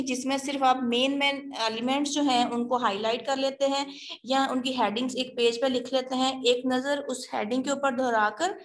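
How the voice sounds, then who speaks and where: A woman giving a recorded lecture as a teacher. She reads each English point out slowly and then explains it in quicker, conversational speech. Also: high-pitched.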